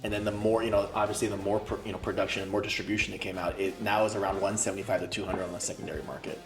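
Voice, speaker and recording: A man, a guest in a casual whiskey chat, relaxed and agreeable. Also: fairly low pitch, very fast. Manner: relaxed, agreeable, laid-back phrasing. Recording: roomy echo with music.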